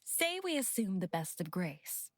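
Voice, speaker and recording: A woman voicing a slow, dry, aloof student. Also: medium pitch, big pitch swings, no echo. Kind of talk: game voice acting.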